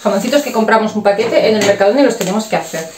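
A woman's voice: medium pitch, racing, echoey room, distant mic, background noise. A Spanish woman chatting casually in a home vlog while unpacking groceries, blunt and talkative. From Spain. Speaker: vlogger. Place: home kitchen.

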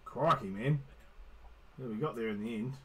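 A man's voice: mid-range voice, normal speed, rough recording. A man giving casual gameplay commentary, teasing and swearing at the characters he controls. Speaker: gaming streamer.

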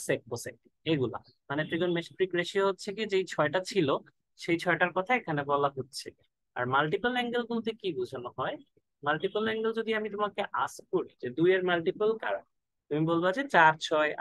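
A man's voice: sits high, a bit bright, no room sound, poor audio. A man tutoring math in a casual lesson, thinking aloud and stretching words out while he works through formulas. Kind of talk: casual lesson, mixing in English.

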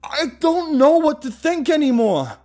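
A man voicing a paranoid young man who shouts frantically. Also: very high-pitched, very animated, measured pace, faint music behind, voice pushed up, full character voice. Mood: panicked.

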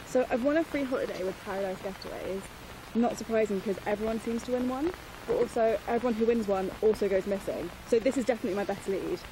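A woman's voice: mid-range voice, fast talker, noisy background, lightly acted. A woman in her twenties acting an anxious, determined sister confiding in a found-footage video diary. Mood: uneasy, confiding. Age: 20s. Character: worried determined young woman searching for missing sister. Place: small room, then outdoors in bare woodland. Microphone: handheld camera at arm's length.

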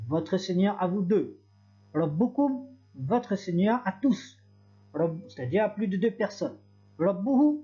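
A man's voice: high-pitched, mellow, slightly rough, dull audio. A man teaching an Arabic lesson, patiently repeating each example and correcting himself as he goes. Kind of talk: recorded language lesson.

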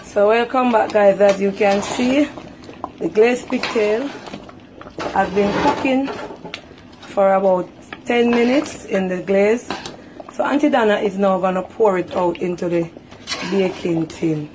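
A woman's voice: mid-range voice, a little slow, pauses often, background noise. Woman, Jamaican accent, home cooking vlog, chatty, kitchen clatter audible. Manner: chatty, talks to viewers as she cooks. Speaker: home cook.

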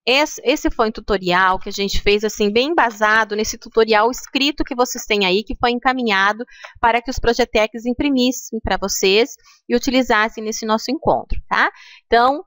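A woman's voice: a little high, normal speed, a bit bright, no room sound. Patient Brazilian woman explaining a tutorial. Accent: Brazilian Portuguese. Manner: patient, explains step by step, checks in with "tá?". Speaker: teacher trainer. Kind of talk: screen-recorded tutorial.

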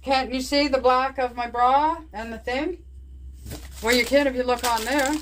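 An older Nova Scotia woman with a high-sitting, steady voice at a moderate pace records a casual vlog on a phone at arm's length. Chatty and teasing, she laughs often, first in a parked truck and then her kitchen, over noisy phone audio.

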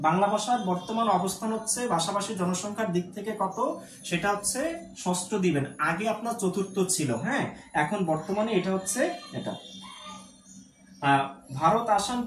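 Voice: mid-range voice, a little fast. An exam-prep teacher gives a live online lesson. The teacher asks questions, answers them, repeats key points and drops English words into the talk. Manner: mixes English words into speech. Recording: echoey room with faint background noise.

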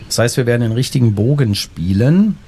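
A man's voice: mid-range voice, expressive, brisk, mellow, a little hiss or hum. A man hosting a casual let's play, thinking aloud as he plays. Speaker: gaming video host. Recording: faint game ambience behind. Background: faint game ambience.

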